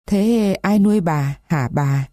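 A woman's voice: on the low side, slow, warm tone, no echo, clean studio sound. A woman voicing a frightened, orphaned fifteen-year-old girl who gives short, hesitant replies. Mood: uneasy.

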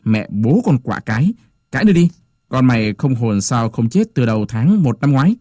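A man's voice: mid-range voice, very animated, normal speed, dark tone, no echo, studio quality. A man playing a fawning, bullying village chief, obsequious to his superiors. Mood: spiteful.

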